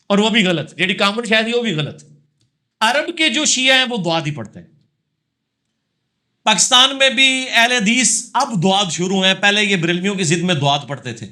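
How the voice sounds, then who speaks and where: A man's voice: high-pitched, bright, forceful tone. A man, a religious scholar answering audience questions in a live session, lecturing emphatically and checking in with tag questions.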